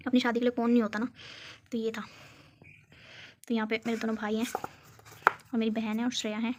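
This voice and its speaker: A woman's voice: fairly high pitch, level tone, moderate pace, slight background noise. Chatty, giggly young woman on a phone. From Uttarakhand, India. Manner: chatty, giggly, addresses viewers directly. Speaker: vlogger. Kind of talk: casual chat showing a photo album. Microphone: phone camera.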